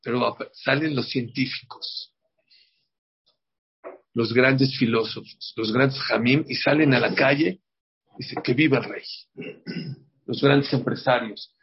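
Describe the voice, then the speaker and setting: Ahead of a holiday, this man teaches a group a religious lesson slowly, pausing often, his husky medium-pitched voice fairly even in intonation. Emphatic delivery, repeated words, and frequent "ok?" check-ins mark his style, captured on a dull lo-fi recording.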